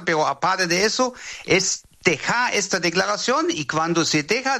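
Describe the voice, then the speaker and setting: German man, high bright voice. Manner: hesitant, repeats words while searching. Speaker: interviewed legal expert. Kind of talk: interview answers.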